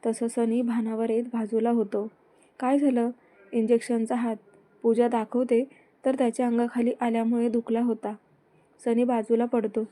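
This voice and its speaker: A woman reading a romance story aloud in a plain, steady way. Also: a little high, moderate pace.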